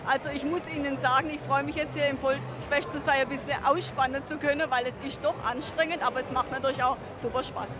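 A middle-aged woman answers interview questions in a busy beer tent. Her voice is high, with music and a crowd clearly audible behind it. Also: steady tone, fairly quick, few pauses. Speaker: state parliament member, interview guest. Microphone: handheld reporter microphone held to her.

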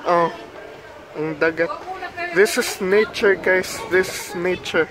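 A young man with a Filipino accent, vlogging excitedly to camera by the sea, repeating how beautiful the place is. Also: high voice, slow pace, noisy background. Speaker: travel vlogger. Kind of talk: casual vlog narration to camera. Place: outdoor seaside deck.

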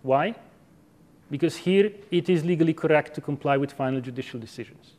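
A man in his thirties giving an academic lecture in a measured, didactic way, checking in with short tag questions. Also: fairly high pitch, a little mellow. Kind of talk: academic lecture, philosophical argument. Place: university lecture room with chalkboard. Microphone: clip-on lapel microphone.

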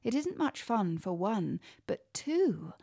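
A woman voicing Winnie the Pooh, a friendly, simple male teddy bear, speaking gently and agreeably in a poem read aloud. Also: medium pitch, big pitch swings, slow, gravelly, exaggerated voice. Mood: cheerful.

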